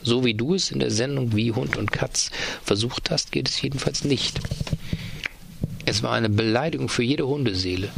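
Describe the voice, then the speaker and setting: A man's voice: mid-range voice, moderate pace, creaky, background noise, lightly acted. A man voicing a fussy woman reading out her indignant, sentimental complaint letter about dogs.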